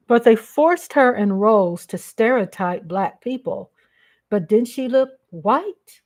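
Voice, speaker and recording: A woman with a slightly high, somewhat mellow voice hosts her own live-stream vlog. Her unscripted commentary is off the cuff, blunt and emphatic, with casual swearing.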